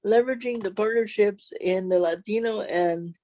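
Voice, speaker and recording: A woman's voice: mid-range voice, moderate pace, mellow. A woman speaking as a presenter at a committee meeting, somewhat hesitant.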